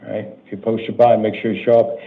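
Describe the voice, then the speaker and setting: A man speaking as a judge in court, reading out procedural details to defendants in a halting, matter-of-fact, businesslike way. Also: fairly low pitch, flat delivery, gravelly. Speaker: judge presiding over initial appearance hearings. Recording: muffled, noisy courtroom livestream audio.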